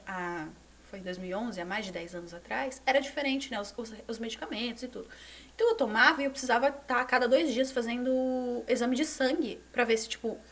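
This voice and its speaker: A woman in her thirties from Brazil, a former gymnast telling her story as a podcast guest, animated and repeating words for emphasis. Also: fairly high pitch. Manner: animated, repeats words for emphasis, drops to near whisper at moments. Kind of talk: conversational storytelling. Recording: voice somewhat distant from the mic.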